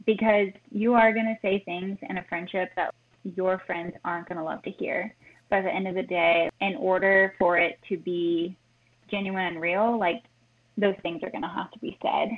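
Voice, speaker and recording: A woman's voice: medium pitch, fairly even intonation, moderate pace. Earnest woman on a tinny phone line. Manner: earnest, direct advice-giving. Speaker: guest. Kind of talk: casual chat.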